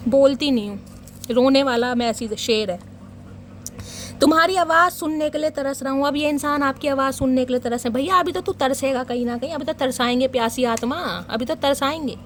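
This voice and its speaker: A woman's voice: high voice, a little fast, a little hiss or hum. A woman doing a casual tarot reading for her viewers, chatty and teasing, laughing often and chanting short invocations while she shuffles. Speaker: tarot reader.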